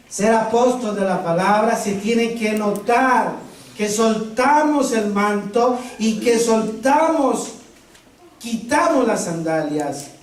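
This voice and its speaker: A priest preaches at a spiritual retreat, telling stories with energy and asking his listeners questions. He is picked up from far off in a large hall with a very strong echo. Faint noise sits behind him. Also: high voice. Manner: animated storytelling, rhetorical questions. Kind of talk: retreat sermon.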